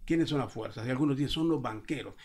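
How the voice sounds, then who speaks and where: A man's voice: mid-range voice, fast, a little mellow. A man hosting a political interview, asking direct, pointed questions. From Honduras. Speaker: interview host.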